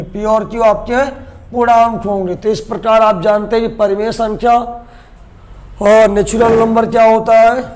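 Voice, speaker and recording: A man teaching a math lesson to students. He asks questions and answers them himself, and repeats key terms slowly. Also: high-pitched. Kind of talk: classroom-style lesson to camera.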